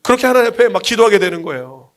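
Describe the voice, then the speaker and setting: A man's voice: high-pitched, big pitch swings, rapid-fire. A man in his forties, a pastor preaching with passion and heavy emphasis, often repeating himself. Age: 40s. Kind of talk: sermon.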